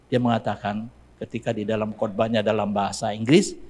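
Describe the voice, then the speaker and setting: A male pastor, preaching a sermon to his congregation in an animated way, rising to emphatic exclamations. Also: lowish voice, fairly quick. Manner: addresses congregation directly.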